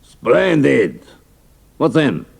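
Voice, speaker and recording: Gravelly, pompous German count commanding officers. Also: male voice, medium pitch, huge pitch swings, exaggerated voice. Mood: curt, interested. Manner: pompous, formal, deliberate. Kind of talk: audio drama dialogue.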